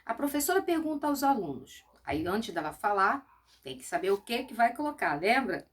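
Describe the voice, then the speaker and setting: A woman's voice: a little high, very animated, moderate pace. A middle-aged woman schoolteacher giving a recorded Portuguese lesson, explaining patiently step by step and often checking with short questions.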